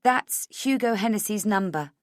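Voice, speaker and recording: In a dramatic audiobook, a woman performs the dialogue of a frantic, desperate character who pleads urgently and insistently to be believed, sounding agitated. She pitches her mid-range voice a bit above her own, though it stays close to everyday speech. Her delivery is expressive at a normal speed, recorded in a clean studio with no room sound.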